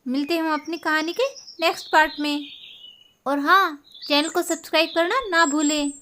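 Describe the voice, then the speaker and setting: A woman's voice: high voice, steady tone, normal speed, sharp tone, slight background noise. A woman narrating a scripted village storybook and addressing her channel's viewers.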